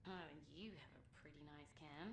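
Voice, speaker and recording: A woman's voice: sits low, steady tone, a little fast. An actress playing a dry, skeptical woman crew member on a space station in natural video game dialogue. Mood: wry, flirty. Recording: echoey room with clear background noise.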